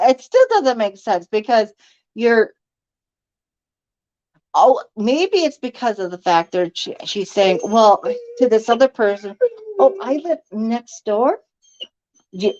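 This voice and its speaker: Animated woman reading with sarcastic asides. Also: medium pitch, muffled recording. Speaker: book reviewer reading a novel aloud. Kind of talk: live reading with commentary.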